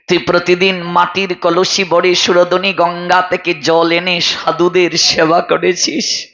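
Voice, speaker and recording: A man's voice: sits high, vocal fry, a bit bright, lo-fi sound, full character voice. A man playing a tender consoling divine lord.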